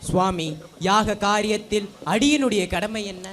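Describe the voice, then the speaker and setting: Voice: mid-range voice, unhurried, a bit bright, close to an everyday voice. A school student voicing a humble, dutiful king speaking deferentially to a sage in a stage play.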